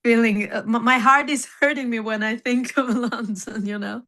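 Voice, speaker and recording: A woman's voice: a little high, fairly even intonation, moderate pace, fairly bright tone. A young woman from Serbia, a singer chatting casually in an interview, talking with lots of "like" and "you know". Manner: chatty, laughs often, many fillers.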